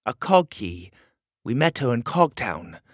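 A man's voice: mid-range voice, very animated, unhurried, husky, no room sound, clean studio sound, voice pushed up. A man doing an earnest young hero. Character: brave young male hero, loyal and earnest.

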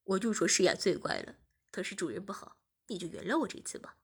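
A woman's voice: medium pitch, sing-song, a little fast, a bit bright, slightly rough, voice pushed down. A woman voicing a young husband who teases and coaxes his wife. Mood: coaxing. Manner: coaxing, teasing. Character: teasing young husband, smug and coaxing.

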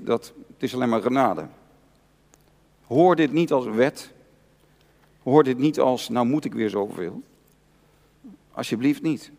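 A male pastor preaching an earnest, personal sermon, repeating key phrases for emphasis. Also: medium pitch. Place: church hall. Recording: long church reverb.

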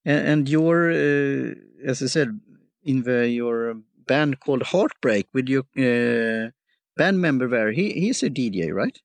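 A man hosts a podcast interview, his voice gravelly and recorded close and dry. He talks haltingly, restarting phrases as he searches for words. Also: medium pitch, no echo. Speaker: podcast host. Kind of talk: casual interview.

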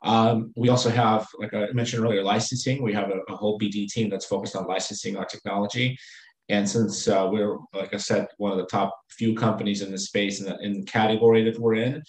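A man with a fairly low voice talks through his company's work in an interview. He hesitates a lot, with fillers and restarts. The sound carries a noticeable room echo. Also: little pitch movement. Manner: halting, many fillers and restarts. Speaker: company executive guest. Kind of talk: business interview.

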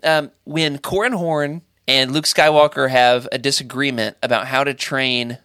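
A man's voice: mid-range voice, fairly even intonation, measured pace, pushed and bright, smooth, no echo, studio quality. A man hosting a casual fan podcast, talking enthusiastically in a rambling, jokey way. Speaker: podcast host.

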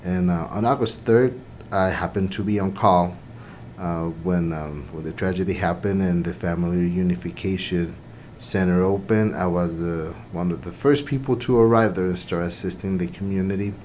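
A Mexican man who hosts a podcast and directs a center speaks in a deep, slightly mellow voice at a moderate pace, over a little hiss or hum. He shares personal thoughts earnestly and reflectively, with many fillers and restarts.

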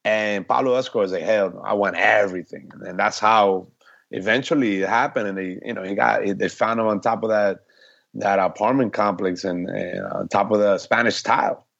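A man telling stories in casual chat, animated, peppering his talk with "man" and swearing freely. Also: lowish voice, moderate pace, vocal fry, dull audio. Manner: animated storytelling, says "man" often, swears.

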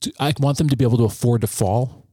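Earnest, halting man telling his story. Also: mid-range voice, mellow, breathy edge, dry recording, studio quality. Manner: earnest, halting, with frequent restarts. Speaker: podcast guest. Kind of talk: personal storytelling.

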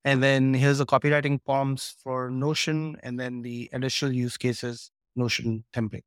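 In a casual interview chat by video call, this guest course creator eagerly guides listeners through his material one step at a time. He has a mid-range voice with a level tone and moderate pace, recorded cleanly in the studio with no room sound.

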